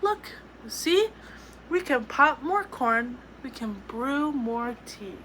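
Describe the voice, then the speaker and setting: Woman voicing a tiny squeaky mouse, high, bright, coaxing. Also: animated, slow pace, slight background noise, exaggerated voice, rough recording. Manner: squeaky and soothing. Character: small fussy helpful mouse.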